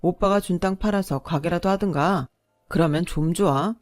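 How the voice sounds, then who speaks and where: A woman voicing a scornful, pushy young husband who nags and sneers, a little louder than her narration, in a storytelling drama. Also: lowish voice, animated, normal speed, no echo, clean studio sound, soft background music, close to an everyday voice. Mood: sneering.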